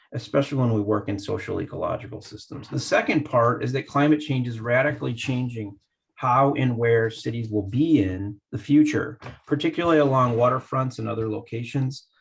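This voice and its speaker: Male professor, gravelly timbre, halting lecture pace, choppy call audio. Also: mid-range voice. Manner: thoughtful, many fillers and restarts. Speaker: landscape architecture professor. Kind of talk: online presentation with slides. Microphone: computer mic on a video call.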